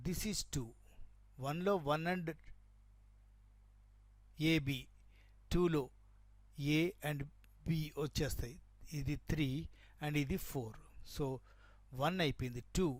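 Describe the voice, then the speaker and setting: A man's voice: mid-range voice, no room sound. A man teaching shorthand, explaining each stroke step by step as he draws and checking that students follow. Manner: explains step by step while drawing, repeating terms and checking with "right?". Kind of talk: classroom lesson, mixing Telugu and English.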